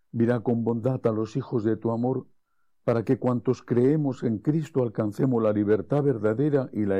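Very mellow-voiced male priest saying Mass. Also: medium pitch. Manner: solemn, measured recitation. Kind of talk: liturgical prayer and scripture reading.

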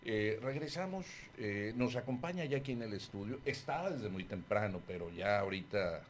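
Man, radio host, low voice, loud chatty ad reads, faint studio noise. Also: lively intonation. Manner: loud, chatty, drawn-out ad delivery. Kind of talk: casual radio talk with live ad reads.

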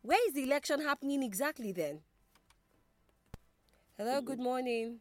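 Brisk Nigerian woman radio host. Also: sits high, expressive. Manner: brisk, prompting callers with quick questions. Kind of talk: live radio call-in hosting.

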